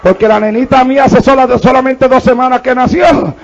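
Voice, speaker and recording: A man's voice: very high voice, fairly even intonation, fairly quick, muffled recording, a little hiss or hum. A male pastor, preaching a fervent sermon full of praise interjections.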